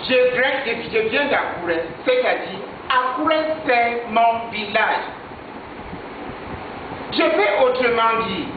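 A man's voice: extremely high pitch, animated, slow pace, background noise. A man teaching French in a classroom, repeating his answers and switching between French and English. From Nigeria. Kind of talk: classroom lesson. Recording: echoey room, far from mic, tinny lo-fi.

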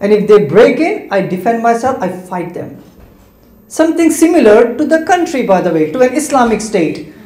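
A man whose first language is Hindi and Urdu, an Islamic speaker, answers students' questions on a handheld mic in a large indoor community hall. His voice is very high and sing-song, darkish in tone, at normal speed. He explains by listing points and checking in with "right?", and the hall echoes.

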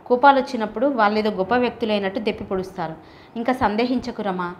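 A woman's voice: mid-range voice, fast, slight background noise, natural voice. A woman voicing a nervous, scheming young man who coaxes and pleads, in a storybook reading. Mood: persuasive. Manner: coaxing, flustered.

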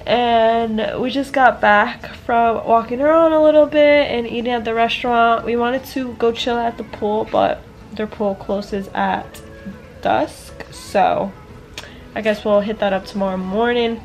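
A woman's voice: a little high, steady tone, a little slow, faint music behind. A young woman chatting upbeat to her viewers in a casual travel vlog, filming herself with a handheld camera. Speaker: vlogger. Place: hotel room and beach.

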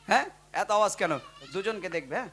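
A man's voice: sits high, lively intonation, quick pace, slight background noise. A man, teasing and joking with village children outdoors, calling them up one by one. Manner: teasing, joking, loud calls to the kids. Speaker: gojol singer talking to village children. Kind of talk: lively outdoor banter with children.

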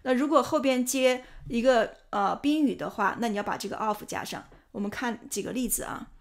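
A woman teaching English pronunciation and grammar, explaining points patiently and clearly. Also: on the high side, a little fast. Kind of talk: explanatory lesson narration.

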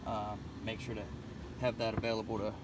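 A man working as an HVAC technician, talking himself through a repair in a relaxed, casual how-to way while he works in an attic. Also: lowish voice, fairly quick. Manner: relaxed, talks himself through each step. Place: attic workspace beside a furnace. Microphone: body-mounted action camera. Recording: distant mic with loud background noise.

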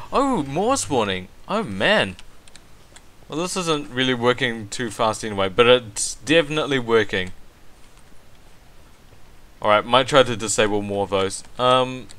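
A man hosting a gaming video, chatting casually over his gameplay, excitable, with lots of ums and laughs. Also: medium pitch, a little hiss or hum.

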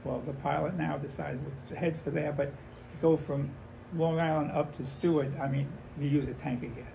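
Gravelly elderly American veteran reminiscing. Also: male voice, fairly high pitch, fairly even intonation, warm tone. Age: 90s. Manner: halting, repeating himself, acting out remembered dialogue. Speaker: war veteran interviewee. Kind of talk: old veteran reminiscing, conversational storytelling. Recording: noisy handheld home recording.

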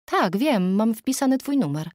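A woman narrating an audiobook, voicing a frank young woman friend in a quick, blunt, slightly raised voice. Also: on the high side, very animated, a little mellow, no echo, studio quality, voice pushed up. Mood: surprised.

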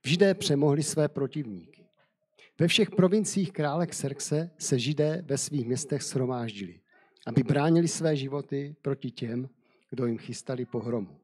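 A man's voice: medium pitch, dark tone, breathy edge. A man preaching a sermon, reading a scripture story aloud and then speaking freely with hesitant fillers.

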